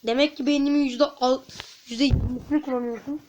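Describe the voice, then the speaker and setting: A woman commenting while playing a video game, chatting to her viewers and bursting into frustrated shouts. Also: sits high, steady tone, a little fast, lo-fi sound, slight background noise. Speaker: gaming YouTuber. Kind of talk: let's-play commentary.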